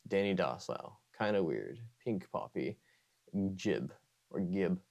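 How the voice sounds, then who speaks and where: A man who hosts an ASMR channel, talking softly with a strained throat and rambling, often correcting himself and slipping into whispers. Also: low-pitched, lively intonation, measured pace, gravelly. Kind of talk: soft-spoken ASMR outro chat.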